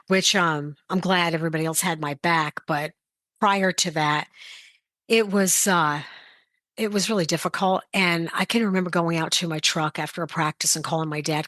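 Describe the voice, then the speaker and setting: A woman's voice: low-pitched, fairly bright tone, no echo. A woman coach hosting a motivational talk, direct and plain-spoken, sharing personal stories in a conversational way. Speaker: sports coach, motivational podcast host.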